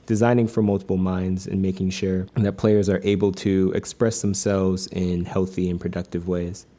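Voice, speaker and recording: A man guesting on an interview, speaking in a low, dark, mellow voice. He explains things earnestly, scattering "like" and "you know" through his sentences. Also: flat delivery, moderate pace. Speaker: game designer guest. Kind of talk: casual interview.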